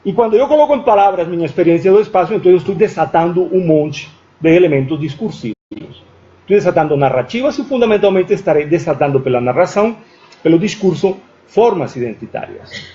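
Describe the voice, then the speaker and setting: High-voiced lecturing man, mellow tone. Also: lively intonation, brisk. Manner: checks in with "certo?" after points; thinks aloud with restarts and repeated words. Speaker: guest lecturer. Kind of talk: academic lecture. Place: university lecture room. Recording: dull lo-fi recording.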